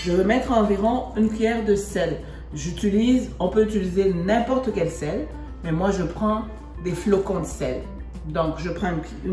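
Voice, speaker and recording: A woman from Congo, a home cook, presents a recipe in a cooking demonstration, chatting as she works and repeating and rephrasing herself. Her voice is fairly low and darkish in tone, and the sound is reverberant.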